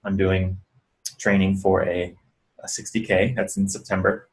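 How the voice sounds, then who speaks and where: This clinic-owning physical therapist talks viewers through breathing in a casual vlog, his advice earnest and conversational. His voice sits low, with a flat, unhurried delivery, and the recording is rough.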